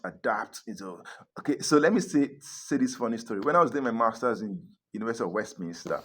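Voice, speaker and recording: Here a man with a husky voice in the middle range vlogs about moving overseas. Casual and emphatic, he keeps repeating himself and laughing softly as he talks to the camera.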